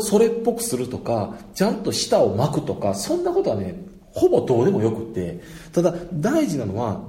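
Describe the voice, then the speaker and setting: A man with a Kansai accent, an English teacher explaining pronunciation in an emphatic, animated, laughing way. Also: fairly high pitch. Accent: Kansai Japanese. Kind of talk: casual explanatory talk. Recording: roomy echo.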